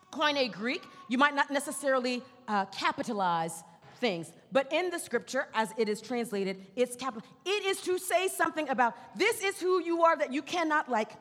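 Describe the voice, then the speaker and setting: A woman's voice: high-pitched, sing-song, normal speed, fairly bright tone. A woman pastor preaching a sermon, stretching out key words for emphasis and tossing casual asides to the congregation. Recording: long reverb of a sanctuary.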